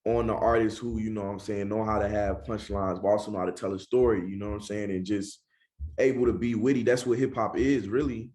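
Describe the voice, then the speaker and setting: A man's voice: fairly low pitch, flat delivery, a little fast, darkish tone. A young man from Charlotte, North Carolina, with a Southern accent, a rapper talking casually in an interview and often saying "you know what I'm saying".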